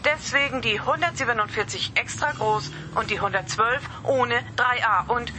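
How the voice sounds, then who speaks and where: An actor playing a male dispatcher calling a unit over two-way radio, in a brisk, urgent scripted sketch. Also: very high voice. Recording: noisy radio transmission.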